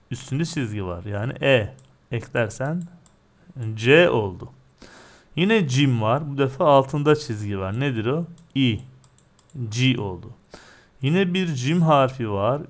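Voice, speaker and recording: A man teaches a recorded reading lesson at an unhurried, deliberate pace and a mid-range pitch. He drills syllable after syllable patiently, posing questions and then answering them himself. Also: expressive.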